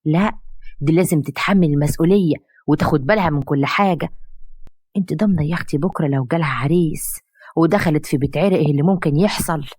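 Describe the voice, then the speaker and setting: A woman's voice: low voice, fast talker, darkish tone, husky, dry recording. A woman voicing a bossy, meddling middle-aged aunt in an Egyptian Arabic storybook tale. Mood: shouting.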